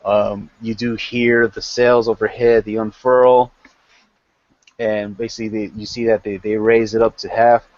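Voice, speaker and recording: A man's voice: on the low side, little pitch movement, a little slow, a little mellow, dry recording. Rambling game master voice, male, muffled and dry. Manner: rambling, many restarts. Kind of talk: narrating a tabletop game.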